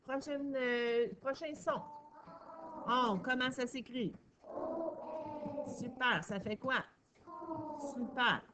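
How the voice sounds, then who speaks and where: A woman teacher leads a phonics lesson for young children, stretching each syllable out slowly and praising often. Her voice sits fairly high. There is a faint hiss of noise under the recording. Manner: patient, encouraging, sounds out syllables slowly. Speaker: primary school teacher.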